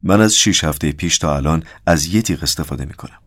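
A man's voice: rumbling low, a bit bright, no echo, clean studio sound. A man voicing a wary middle-aged male clerk who answers in a hasty, guarded, offhand way.

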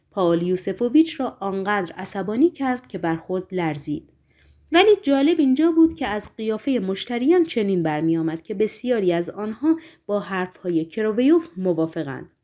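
A woman with a mid-range voice narrates a novel for an audiobook, reading in a measured and expressive way.

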